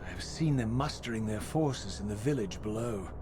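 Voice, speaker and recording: A man's voice: lowish voice, lively intonation, moderate pace, background noise, natural voice. An actor playing an embittered, proud undead male wraith, speaking with grave, theatrical formality in a video game drama. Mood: grave, questioning.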